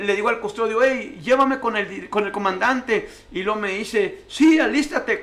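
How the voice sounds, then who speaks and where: Appearing as a radio guest, a man with a high, bright voice gives emotional testimony about his own life, acting out the guards and officials in his story as he goes. The sound is close and clear, like a studio mic.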